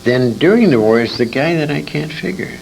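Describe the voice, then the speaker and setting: Animated and fairly quick, an older American man with a creaky, darkish voice reminisces in an interview as a veteran radio performer recalling his career. He's an emphatic storyteller who acts out quoted lines and repeats words to drive points home, heard on a noisy, rumbling 1980s convention interview tape.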